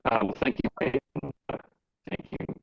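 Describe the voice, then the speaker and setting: A man joining a council meeting by video call as a project manager, his voice choppy and breaking up over the connection while he speaks hesitantly with fillers. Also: a little slow. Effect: choppy breaking-up call audio. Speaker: assistant project manager presenting a study. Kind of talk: remote presentation to a council. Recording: dull, dry, lo-fi online call.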